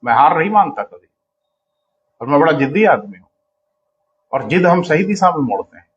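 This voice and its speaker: A man's voice: on the high side, big pitch swings, normal speed, lo-fi sound. A man teaching in a coaching class, lecturing students sternly and calling them "beta" as he explains.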